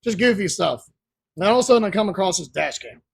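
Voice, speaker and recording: A man with a high, gravelly voice tells long stories in a casual, rambling way. The sound is dry and close, with no room echo. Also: expressive, fast talker. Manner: rambling, laid-back storyteller. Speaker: podcast guest. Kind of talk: casual storytelling.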